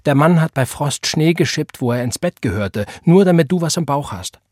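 A man voicing a stern, weary mother who sharply defends her husband, with a husky voice, in an audiobook reading. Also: medium pitch, sing-song, brisk, no echo, studio quality. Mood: scolding. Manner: scolding, sharp, rising heat.

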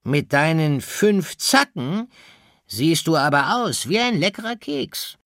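A man's voice: on the high side, very animated, slow pace, a bit bright, no room sound, clean studio sound, full character voice. A man voicing a hungry, sly fox in an audiobook, mocking and drawling. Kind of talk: audiobook reading.

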